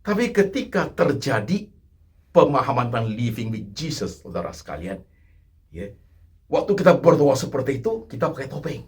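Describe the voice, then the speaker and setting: A male pastor preaching a sermon, emphatic, repeating key phrases and dropping suddenly to hushed asides. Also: mid-range voice, very animated, moderate pace.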